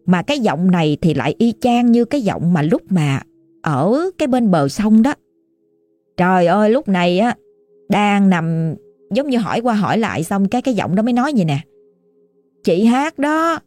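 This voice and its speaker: A woman with a Southern Vietnamese accent narrates a ghost story in a relaxed, conversational way, turning to her listeners now and then. Her voice is mellow and warm, recorded dry and close with faint music underneath. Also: medium pitch, moderate pace, no room sound. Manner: chatty, addresses listeners directly. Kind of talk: casual storytelling.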